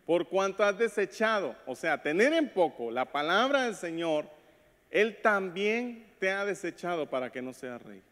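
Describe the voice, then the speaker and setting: A man's voice: sits high, very animated, a little slow, a bit bright. A man preaching a sermon as pastor, speaking to the congregation and acting out short quoted voices. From Latin America. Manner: preaches with acted quotes and call-outs to the congregation. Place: church sanctuary. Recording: long hall reverb.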